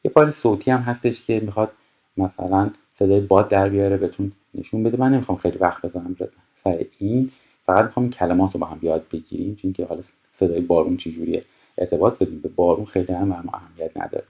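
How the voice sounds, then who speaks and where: A man with a very deep voice teaches a French lesson from a textbook. His first language is Persian. He reads each phrase slowly and deliberately, then explains it at a quick conversational pace. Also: steady tone, dark tone.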